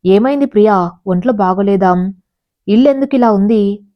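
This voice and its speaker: A woman voicing a stern middle-aged father who speaks gravely and directly, in a storybook reading. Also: mid-range voice, normal speed, muffled recording, lightly acted. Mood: concerned.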